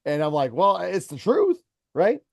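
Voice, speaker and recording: A man's voice: high-pitched, huge pitch swings, measured pace, vocal fry, dry recording, clean studio sound. A man who owns a company, giving an employee earnest one-on-one coaching and telling stories to make his point. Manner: earnest, storytelling, mentoring.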